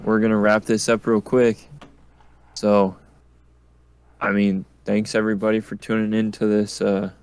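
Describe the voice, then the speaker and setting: Male host, sports podcast, laid-back banter, slow delivery, dry close sound. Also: on the low side, little pitch movement, a little mellow, clear, resonant tone, no echo. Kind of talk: casual sports predictions chat.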